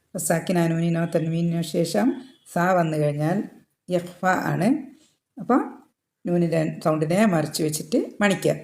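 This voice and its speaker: A woman teaching Quran recitation rules, explaining step by step and chanting the verses slowly. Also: fairly low pitch, fairly even intonation, a little mellow. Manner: explains step by step, asks and answers own questions; slow drawn-out chanted recitation. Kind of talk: tajweed lesson.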